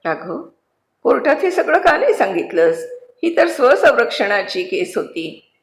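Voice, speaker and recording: A woman voicing a middle-aged male jailer who asks quiet, searching questions in a story reading. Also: a little high, big pitch swings, unhurried. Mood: probing, soft. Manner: questioning, soft. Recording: roomy echo.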